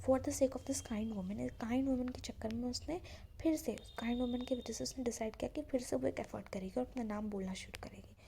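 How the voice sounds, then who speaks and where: A woman teacher explains a story line by line in a relaxed way. She often drops into half-whispered speech. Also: on the high side, moderate pace, vocal fry, a little hiss or hum. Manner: relaxed, retells each line and explains it, often says "you know". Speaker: English teacher.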